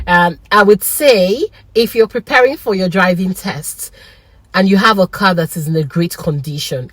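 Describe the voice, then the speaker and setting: A woman, vlogging a lively personal story in an excitable, animated way and laughing often. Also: on the low side, husky, dry recording. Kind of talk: casual storytelling vlog.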